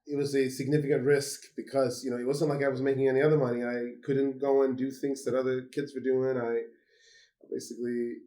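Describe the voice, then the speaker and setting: A man's voice: medium pitch, little pitch movement, fairly quick, dark tone. A man from Sweden, an author, talking animatedly as a phone interview guest with many fillers. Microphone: phone call.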